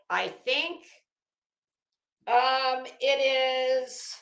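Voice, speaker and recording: A woman with a slightly high, fairly bright voice hosts a casual livestream in a reverberant space. She mixes rambling, hesitant, informal thinking aloud with reading legal documents out.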